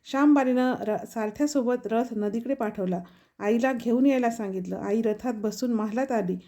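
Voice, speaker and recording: A woman reading aloud a devotional folk story in a steady, measured storytelling manner. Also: on the high side.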